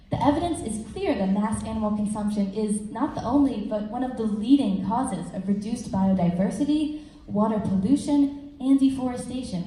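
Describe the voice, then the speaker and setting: A young woman delivers a prepared student speech in an earnest, persuasive way. Her voice is soft-edged and mellow at an ordinary female pitch. It rings around a very reverberant school hall with faint noise behind it. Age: teens to young adult, upper-school student. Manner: earnest, with casual asides. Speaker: student speaker at a school assembly. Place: large room at a school assembly.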